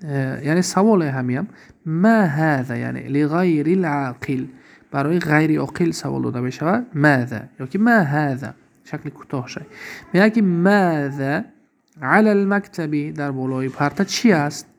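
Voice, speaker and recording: A man teaching an Arabic grammar lesson, reading example sentences slowly and then asking and answering his own questions. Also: on the high side, lively intonation, creaky.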